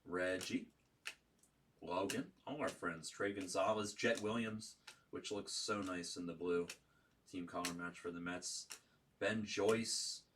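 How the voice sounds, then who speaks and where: Low-voiced man hosting a card break. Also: steady tone, slow pace, a bit bright. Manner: card break host patter, calling out names and serial numbers in short bursts. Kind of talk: casual running commentary while opening trading cards. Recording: distant mic with faint background noise.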